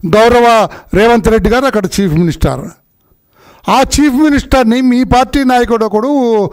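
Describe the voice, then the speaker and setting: Man, middle-aged, high voice, heated political speech, indignant, scolding, repetitive accusations. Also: a little mellow. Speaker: politician at a press conference.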